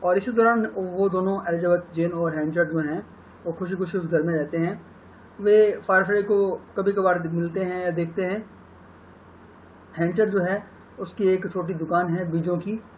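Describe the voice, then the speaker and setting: A man with an Indian accent teaching English literature, summarizing a novel chapter by chapter in an explanatory lecture, mixing Hindi with English and pausing on fillers. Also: high-pitched, fairly even intonation, lo-fi sound, a little hiss or hum.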